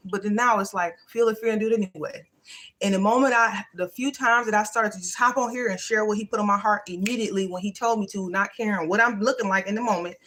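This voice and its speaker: A woman's voice: mid-range voice, fairly bright tone. A woman hosting a livestream, giving a casual, emphatic motivational talk in a folksy, everyday way. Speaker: livestream host.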